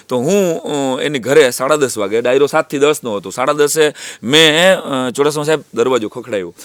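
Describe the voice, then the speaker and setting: A man, a teacher speaking to students and parents, telling anecdotes in a lively storytelling way. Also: medium pitch, no echo. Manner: lively storytelling, drops to a hush when acting out whispers.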